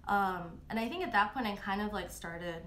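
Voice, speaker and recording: A woman's voice: mid-range voice, normal speed, a bit bright. Chatty young woman in echoey room. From Southeast Michigan, USA. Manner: chatty, frequent "like" and "you know", laughs often. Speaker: guest, anti-racism educator. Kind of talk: casual conversational interview. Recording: echoey room with faint noise.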